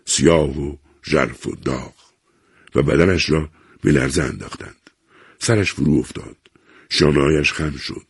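A man narrating a literary novel in a grave, unhurried way. His voice is very deep and gravelly, with a husky grain. The recording is dry and close. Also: no echo. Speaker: audiobook narrator.

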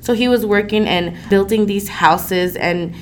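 A young woman from El Salvador speaks a little slowly in a mid-range voice while telling folk legends as a podcast co-host. Her talk is casual and conversational with many fillers like "um" and "you know," and the recording has faint background noise.

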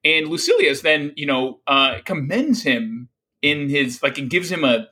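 A man's voice: fairly high pitch, expressive, unhurried, pushed and bright, husky. A man co-hosting a casual podcast chat about a play, rambling along in a talkative way. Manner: rambling, many fillers and restarts. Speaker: podcast co-host.

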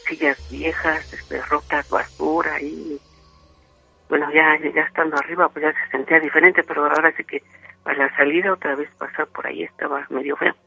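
A man's voice: fairly high pitch, level tone, moderate pace, gravelly, pushed and bright, slightly rough. A Mexican man telling a spooky story over the phone, rambling with many fillers. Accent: Mexican Spanish. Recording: tinny phone line.

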